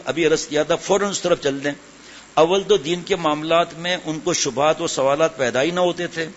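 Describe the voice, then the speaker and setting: A man delivers a religious sermon to a gathered audience, his voice sitting on the higher side for a man. He keeps turning to his listeners with direct questions and drops English words into his speech. The recording sounds dull and lo-fi. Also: a little hiss or hum. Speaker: preacher.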